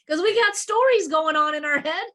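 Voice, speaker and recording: A woman's voice: very high-pitched, a bit bright. A woman hosting a podcast, chatty and affirming, with a casual turn of phrase. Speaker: podcast host. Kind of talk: podcast conversation.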